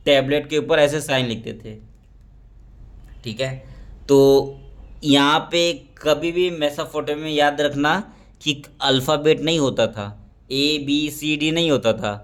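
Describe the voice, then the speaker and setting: A man teaching an exam prep history lesson, asking and answering his own questions and pointing at pictures as he explains. He reads English textbook lines slowly and then explains them in Hindi. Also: a little high, a bit bright.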